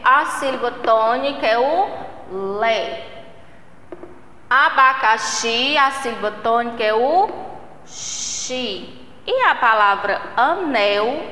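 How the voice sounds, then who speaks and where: A woman's voice: a little high, sharp tone. A Brazilian woman teaching a recorded primary school lesson, speaking patiently, drawing out syllables and checking in with the children. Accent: Brazilian Portuguese. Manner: slow, patient, drawing out syllables and asking "né?" and "certo?". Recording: echoey room with long reverb.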